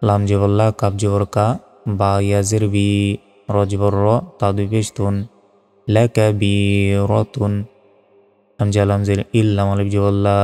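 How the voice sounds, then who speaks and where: Male Quran reading teacher, methodical, chants verses slowly; low warm voice, long-reverb recording. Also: smooth. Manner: patient, methodical, drawn-out chanted recitation of verses. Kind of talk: spelling out and reciting Arabic letter by letter.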